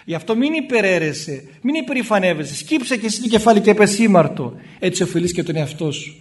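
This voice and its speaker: A male Orthodox priest gives a spoken sermon in a conversational style, acting out short exchanges between people in shifting voices. His voice is high and expressive.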